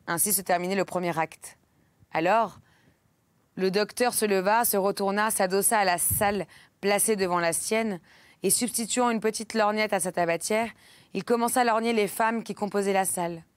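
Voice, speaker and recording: Woman reading an old novel aloud, steady and measured, dry close sound. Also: medium pitch, no echo. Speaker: audiobook reader. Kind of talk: literary audiobook narration.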